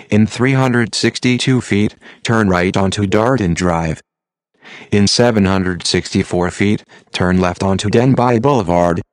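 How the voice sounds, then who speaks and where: A man's synthetic text-to-speech voice giving turn-by-turn driving directions in a flat, measured, impersonal way. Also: deep voice, no room sound, studio quality. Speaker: GPS navigation voice.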